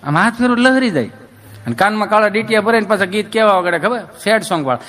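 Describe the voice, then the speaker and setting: A man's voice: high-pitched, lively intonation, fast, fairly bright tone. A middle-aged man, a folk comedian telling stories and teasing and lecturing his listeners in a playful, preachy way. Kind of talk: comic dayro storytelling to an audience.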